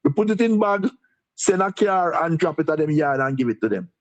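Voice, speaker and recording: A man's voice: a little high, animated, brisk, muffled recording. A man with a Jamaican accent, a deputy mayor being interviewed, talking in a repetitive, rambling way and chuckling. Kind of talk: interviewed on a live stream.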